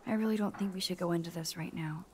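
An actress voicing a shy, thoughtful young woman student in a video game, soft and earnest. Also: lowish voice, fast talker, slight background noise, natural voice.

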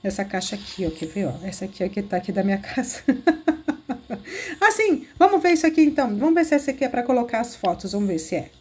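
A woman's voice: mid-range voice, sing-song, fast, a little mellow, slightly rough. A woman with a Brazilian accent hosting a game walkthrough video, gushing and giggling as she coos over cute things. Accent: Brazilian Portuguese. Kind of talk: excited gameplay walkthrough.

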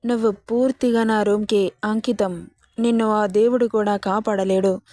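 A cruel, domineering young rich man, read by a woman, speaks in a threatening, possessive way. His voice sits at a middle pitch and sounds close and dry. He is a storybook villain who gives orders. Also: fairly even intonation, normal speed, mellow, no room sound, close to an everyday voice. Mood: menacing.

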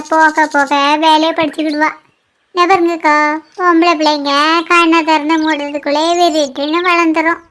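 A woman voicing all the characters of a cartoon with lively, scolding, chatty dialogue. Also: very high-pitched. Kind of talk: cartoon voice acting, village dialogue.

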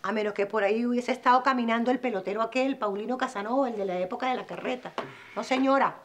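A woman's voice: on the high side, quick pace, slight background noise, lightly acted. An actress with a Venezuelan accent playing a blunt, insistent godmother who spreads what she heard, in a telenovela. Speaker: godmother Celeste. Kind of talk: telenovela acting.

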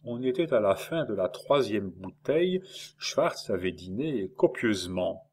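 A man narrates a classic novel with a husky, breathy voice. He reads slowly and lets his pitch rise and fall widely, giving the lines a dramatic, expressive shape. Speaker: audiobook reader.

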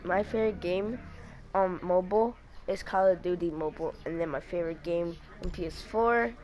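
A young woman streaming a game with a friend chats casually, teasing her and laughing often. Her voice is lowish and a little mellow, moving at a moderate pace, with soft music in the background.

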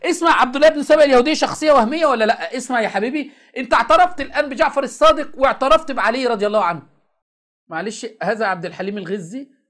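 A man's voice: very high voice, rapid-fire, a bit bright. A man with an Egyptian accent hosting a call-in debate show, pressing and interrupting his caller in an insistent, teasing way. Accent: Egyptian Arabic.

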